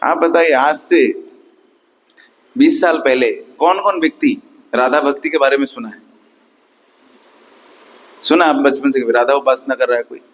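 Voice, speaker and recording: A man's voice: medium pitch, a little slow, pauses often, low-quality recording. A man giving a Sunday class sermon, emphatic and questioning his listeners, counting and chanting aloud at times. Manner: emphatic, rhetorical questions to the audience. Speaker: preacher.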